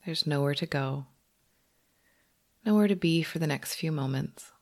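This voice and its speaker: With a low voice, a female teacher guides a meditation, keeping her words gentle and unhurried and separating them with long pauses.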